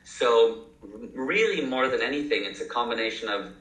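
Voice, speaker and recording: A man in his thirties, an entrepreneur appearing as a guest, tells his story in an upbeat, talkative interview. His accent blends American and South African. He has a mid-range, fairly bright voice and speaks animatedly at a normal speed, in an echoey room.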